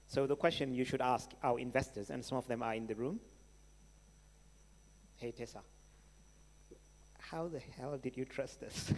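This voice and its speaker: A man with a Senegalese accent answering questions as a keynote speaker, conversational and emphatic, with rhetorical questions. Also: medium pitch. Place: large hall at a live event. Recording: echoey hall with long reverb.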